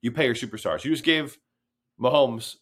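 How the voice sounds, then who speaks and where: A podcast co-host with a mid-range voice and moderate pace talks sports in a casual, conversational way, sarcastic and profane.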